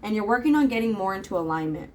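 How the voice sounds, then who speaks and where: A woman's voice: mid-range voice, expressive, rapid-fire, slight background noise, poor audio. Chatty woman doing a tarot reading. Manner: chatty, rambling, frequent fillers. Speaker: tarot reader. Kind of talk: casual tarot reading monologue.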